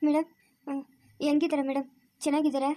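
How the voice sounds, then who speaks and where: Woman as an anxious young village wife: very high, fast, pleading, rural Karnataka Kannada accent. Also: level tone, warm tone, lightly acted. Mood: begging. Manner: pleading, tearful.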